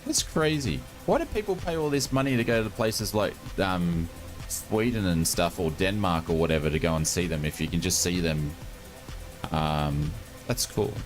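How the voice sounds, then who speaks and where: A man's voice: low voice, moderate pace, faint music behind. A man with a broad Australian accent chatting casually and matily to viewers as a livestream host, informal and given to exclamations. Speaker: live streamer, host.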